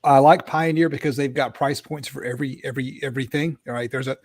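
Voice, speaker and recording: A man's voice: medium pitch, steady tone, fast talker. A middle-aged man co-hosting over a video call, talking in an easygoing, chatty way with some stumbling restarts. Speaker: co-host. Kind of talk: casual chat about audio gear.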